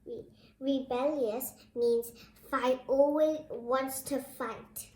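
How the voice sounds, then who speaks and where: A child host with a high, steady voice reads a picture book aloud slowly, speaking directly to viewers like a presenter and adding brief asides. The indoor sound is roomy and echoing.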